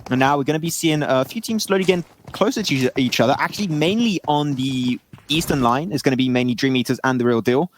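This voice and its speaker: A man commentating a live esports match with quick, excitable play-by-play. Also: medium pitch, a little hiss or hum.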